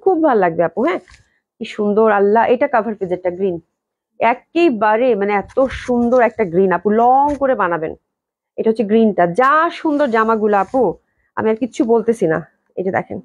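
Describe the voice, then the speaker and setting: A young woman, hoarse from a cold, gushing with repeated praise as she sells clothes on a live stream. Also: fairly high pitch, no room sound, dull audio. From Bangladesh. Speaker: online clothing seller.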